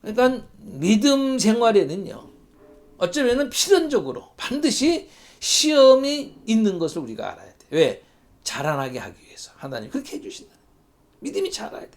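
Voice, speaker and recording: A man's voice: sits high, sing-song, moderate pace. A male pastor leading a Bible study, reading scripture aloud and putting questions to the congregation.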